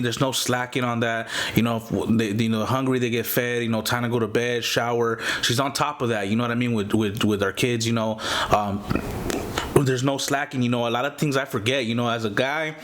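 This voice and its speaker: A man's voice: mid-range voice, fairly bright tone, slight background noise. A man chatting casually to viewers as a mukbang vlogger, talking in an informal, slangy way and often checking in with the listener. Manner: informal slangy talk, repeated "you know what I mean". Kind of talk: casual chat to viewers while eating.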